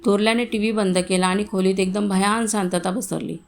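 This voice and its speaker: A woman reading a short story aloud in a calm, even storytelling manner, voicing the family's dialogue herself. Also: medium pitch, brisk, vocal fry, slight background noise. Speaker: story reader.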